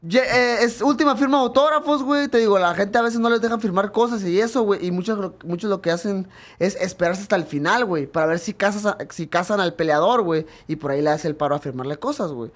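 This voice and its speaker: A man's voice: sits high, fast. A Mexican man, a guest who is a fighter, telling a rambling, profane story among friends in casual chat and tagging nearly every phrase with a slang filler.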